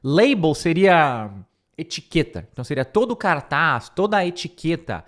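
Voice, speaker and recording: A young man with a Brazilian Portuguese accent and a somewhat high-pitched voice explains English phrases in a relaxed, chatty way. He breaks sentences apart and drills pronunciation, saying each word slowly several times. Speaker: English teacher. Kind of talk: casual screen-share lesson.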